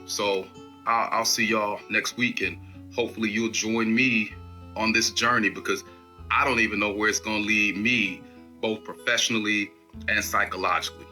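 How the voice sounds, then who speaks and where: A man who is a university professor, recording an earnest, measured video diary with weighty pauses. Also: lowish voice, steady tone, pushed and bright, soft background music.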